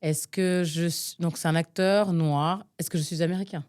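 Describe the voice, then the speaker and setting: Co-hosting a podcast, a young woman from Nigeria talks through a guessing game in casual chat. Her voice is fairly low and darkish, with fairly even intonation and a moderate pace. She reasons out loud, uses plenty of fillers, and grows exasperated.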